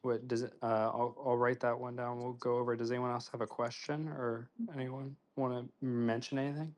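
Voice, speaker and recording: A man's voice: medium pitch, flat delivery, brisk. A man in his twenties from Ohio, hosting a casual online group chat in a loose, slangy way, often repeating words as he goes. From Ohio, USA. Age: 20s. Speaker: host.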